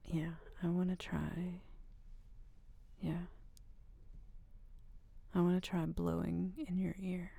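A young woman doing an ASMR roleplay, switching between close whispers and soft speech with a shy, teasing, coaxing manner. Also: fairly low pitch, level tone, slow, gravelly, long pauses, breathy edge, dry recording. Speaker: ASMR creator.

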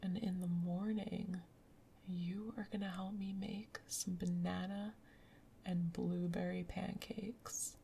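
A woman whispering softly in a gentle, soothing ASMR roleplay as a caring girlfriend. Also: fairly low pitch, level tone, slow pace, gravelly, a little hiss or hum. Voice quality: soft whispery. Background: rain sounds.

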